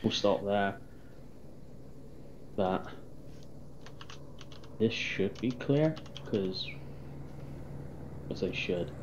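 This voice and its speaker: Lower male teammate on headset, methodical, thinks aloud, dull audio with game noise behind. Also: expressive, extremely slow, long pauses. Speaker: teammate planning the assault. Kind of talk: gaming voice chat, planning.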